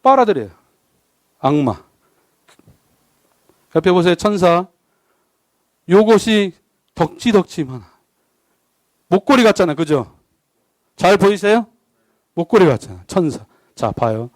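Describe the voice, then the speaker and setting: A man preaching with a high, bright voice that leaps up and down through his sentences. He jokes and keeps firing questions at the congregation. The sound is close and dry, with little room echo. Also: unhurried, long pauses. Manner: lively, jokey, keeps asking the congregation questions. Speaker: guest pastor. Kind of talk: sermon. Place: church service.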